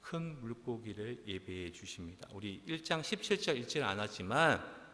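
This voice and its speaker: A middle-aged man preaching a sermon as pastor, animated, acting out dialogue with sudden loud outbursts. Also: on the low side, moderate pace. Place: church sanctuary. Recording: long hall reverb.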